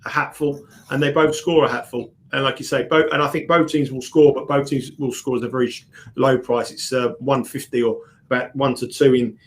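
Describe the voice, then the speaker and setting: A man talking as a guest tipster on a live betting stream, rushing and restarting his sentences. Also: medium pitch, steady tone. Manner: rapid, restarts often, repeats himself.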